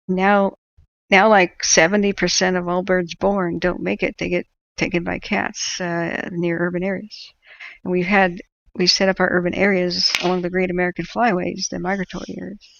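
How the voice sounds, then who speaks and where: Woman, livestream host, casual opinionated chat, emphatic, creaky voice, dull lo-fi mic. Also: lowish voice. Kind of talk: casual chat, informal explaining to viewers.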